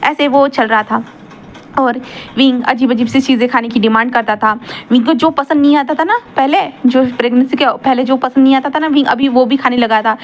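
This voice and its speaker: Quick rambling young woman storyteller. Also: high voice, a little hiss or hum. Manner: rambling, with many fillers. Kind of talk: casual fan-fiction narration.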